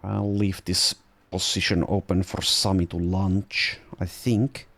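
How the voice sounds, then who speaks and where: A man's voice: low voice, level tone, slow pace, vocal fry, fairly bright tone, soft background music. A man giving casual gameplay commentary, thinking aloud as he plays. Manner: musing, thinking aloud with fillers. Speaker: let's play host.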